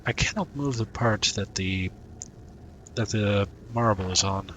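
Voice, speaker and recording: A gaming streamer mutters his thoughts aloud as he plays through a puzzle game, a casual let's-play. His voice sits on the low side, a bit bright, at a measured pace, with a faint hiss or hum in the recording.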